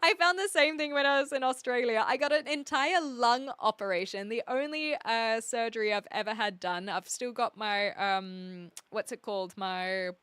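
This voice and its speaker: Bright-voiced woman, Kiwi-British accent. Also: fairly high pitch, moderate pace, few pauses, smooth, no room sound. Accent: New Zealand mixed with British. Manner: chatty, cheeky, reacts to chat messages. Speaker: live streamer. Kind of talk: casual livestream chat with viewers.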